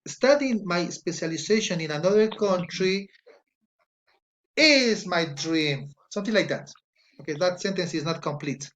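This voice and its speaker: With a high-sitting, lively, slightly bright voice, an Ecuadorian man teaches English online, a faint hiss or hum under the recording. A native Spanish speaker with an Ecuadorian Spanish accent, he reads student responses aloud and corrects their spelling and grammar slowly and patiently.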